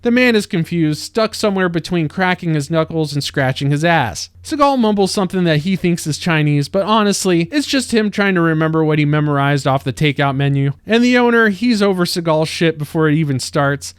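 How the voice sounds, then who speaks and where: A man narrating a mocking, scripted comedy breakdown of a film scene. His voice is smooth and a touch high, and it is recorded dry and close in a studio. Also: lively intonation, fairly quick, hardly any pauses, dry recording. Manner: sardonic, mocking.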